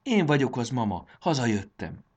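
A man's voice: mid-range voice, big pitch swings, pitched above the performer's own voice. A man voicing a brave, homesick young boy who speaks earnestly in a storybook reading.

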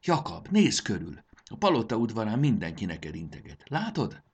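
A man's voice: lowish voice, huge pitch swings, husky, voice pushed up, heavily acted. A man voicing a friendly giant lizard-bird steed that talks in a playful, good-humored way in a storybook reading.

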